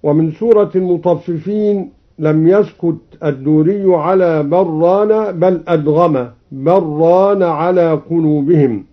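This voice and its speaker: A man on the radio explaining Quran reading variants in a measured way, chanting each quoted verse, on a dull old broadcast recording. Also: on the high side. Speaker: Quran recitation teacher on radio.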